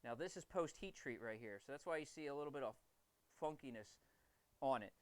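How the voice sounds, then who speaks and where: A man's voice: mid-range voice, expressive, fairly quick, smooth, no echo. A man livestreaming from his basement forge, explaining knife grinding in an enthusiastic, rambling way. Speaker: streamer and knifemaker. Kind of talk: casual livestream talk while working.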